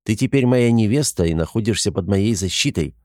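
A man playing a calm, protective young prince who speaks in a level, measured way. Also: fairly low pitch, no room sound, clean studio sound, natural voice.

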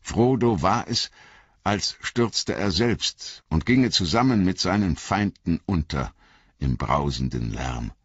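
A man narrating an audiobook with dramatic, expressive storytelling. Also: low voice, takes it slowly, breathy edge, dry recording, highs cut off. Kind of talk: scripted narration.

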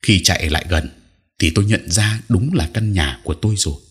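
Low husky male narrator, steady scripted storytelling. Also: brisk.

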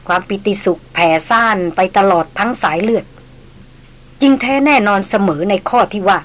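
A woman narrating a novel in an even, measured reading voice. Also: mid-range voice, poor audio. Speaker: audiobook narrator.

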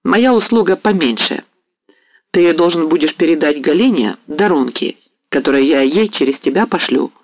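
A man's voice: on the high side, expressive, moderate pace, no echo, voice pushed up. A man voicing a sly, commanding cossack officer who teases with a knowing tone. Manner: teasing, knowing.

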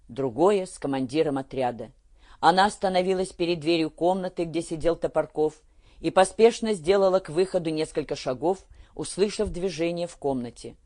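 A man narrating an audiobook of a historical novel in a measured, even storytelling manner. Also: on the high side.

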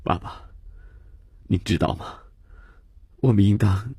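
A man voicing a young boy who shouts and sobs at his drunken father, his voice pushed high and strained. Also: takes it slowly, breathy edge, no room sound, exaggerated voice. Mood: ashamed. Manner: shrill, shouting and tearful.

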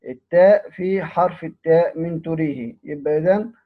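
An Egyptian man with a somewhat high voice gives a recorded lesson. He explains step by step, slowing down to draw out each quoted verse and asking his listener questions. The sound is narrow and tinny, like a phone line. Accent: Egyptian Arabic. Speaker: teacher of Quranic recitation.

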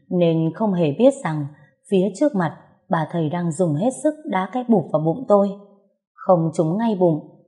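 Warm-voiced woman narrating a story. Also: lowish voice. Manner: expressive, emotional reading. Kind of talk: first-person audio story narration.

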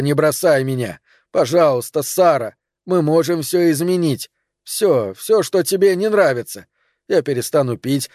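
A desperate, jealous man, as a male audiobook reader plays him, pushing his voice higher and louder in a string of pleading questions. The recording is dry and close, with no room sound. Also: dry recording, close to an everyday voice. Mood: begging. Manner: loud, pleading, rapid-fire questions.

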